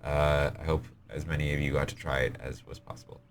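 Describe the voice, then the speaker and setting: A man giving a hurried, rambling walkthrough of puzzles he built in a game, as the server admin. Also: extremely low pitch, little pitch movement, a little hiss or hum.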